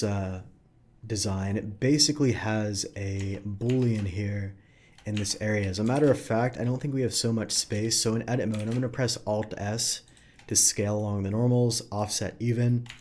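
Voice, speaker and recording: A low-voiced man hosts a casual, screen-recorded 3D modeling tutorial at a moderate pace, with a little hiss or hum in the audio. Relaxed and thinking aloud as he works, he uses lots of fillers, and he sounds slightly raspy from long recording sessions.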